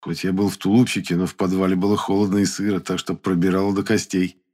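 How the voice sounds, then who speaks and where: A man narrating an audiobook in the first person with an even storytelling delivery. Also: low-pitched, fast.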